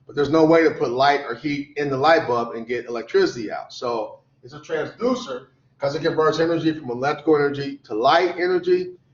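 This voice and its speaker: A tired, sleepy man teaching a lecture class, repeating definitions slowly so students can write them down. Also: a little high. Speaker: college instructor. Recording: echoey classroom, dull lo-fi sound.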